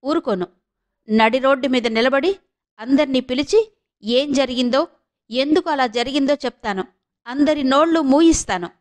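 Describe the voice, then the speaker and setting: A woman voicing a defiant young woman who speaks sharply and with force, high-pitched. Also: moderate pace, long pauses, lightly acted. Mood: furious.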